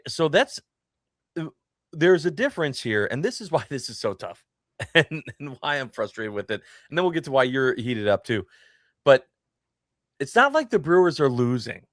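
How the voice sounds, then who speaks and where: A man's voice: no echo, studio quality. A young man co-hosting a sports podcast, telling stories in exasperated casual chat. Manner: exasperated storytelling, swings up in pitch. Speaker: podcast co-host.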